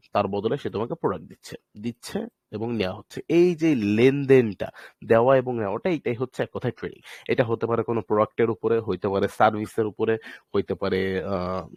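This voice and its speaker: A man's voice: on the low side, a little mellow, no echo. A man, from Bangladesh, teaches a trading course in a live online class, explaining patiently, asking and answering his own questions, and mixing in English phrases.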